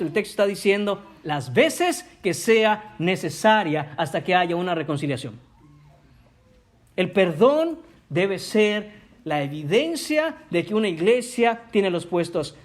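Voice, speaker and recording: A male pastor preaching a sermon in a church, emphatic and speaking directly to the congregation. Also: sits high. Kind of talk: Spanish-language sermon.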